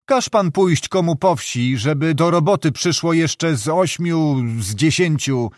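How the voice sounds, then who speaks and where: A man voicing a gruff, scornful older male estate administrator who mocks and blusters. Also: on the high side, animated, measured pace, a little mellow, dry recording, studio quality, pitched above the performer's own voice. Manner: mocking, blustering.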